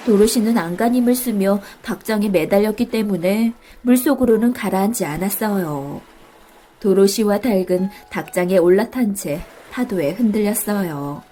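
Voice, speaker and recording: A woman narrating a bedtime story in a soft, slow, soothing way, with faint music behind her. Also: mid-range voice.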